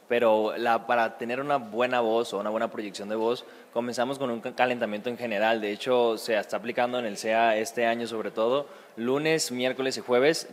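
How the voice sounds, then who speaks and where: A young man with a Venezuelan accent, an acting student answering interview questions in an earnest, animated way. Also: medium pitch, slight background noise.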